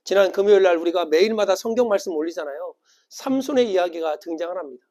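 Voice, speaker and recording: Animated pastor preaching with dramatic swings. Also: male voice, fast talker. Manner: animated, acts out quoted voices with big swings in pitch and loudness. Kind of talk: sermon.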